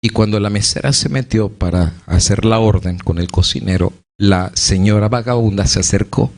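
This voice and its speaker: Mexican-accented male preacher, lowish pitch, conversational storytelling sermon. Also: normal speed, a little mellow. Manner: conversational, vivid, with rhetorical questions. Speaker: pastor.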